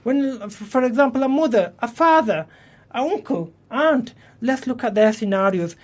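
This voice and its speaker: A man's voice: very high voice, animated, moderate pace. A man, an election candidate answering radio interview questions earnestly, often restarting and repeating words in a studio. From England.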